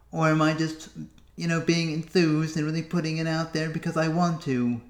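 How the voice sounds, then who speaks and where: An American man hosts a solo podcast, musing aloud to himself and drifting from thought to thought with long, frequent pauses. His voice is a little high for a man and echoes off the walls of his recording room.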